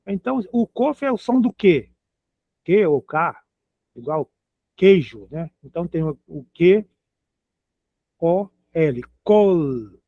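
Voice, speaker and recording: A man teaches with unhurried, deliberate patience, spelling letters out and repeating words. His voice sits a bit high for a man. The sound is dry and thin, like a phone line. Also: sing-song, no echo. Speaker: Hebrew teacher. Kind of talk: slow explanatory lesson.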